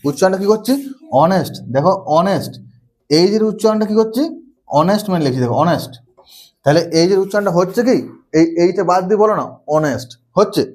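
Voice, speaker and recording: A man's voice: high-pitched, fast talker, darkish tone. A man teaching English grammar. He keeps asking his students questions, answers them himself and repeats the key rules. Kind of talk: classroom-style lesson.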